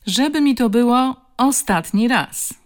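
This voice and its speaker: With a low voice at normal speed, a woman plays a fierce adult woman defending a child. Her tone is strong, throaty and commanding as she scolds.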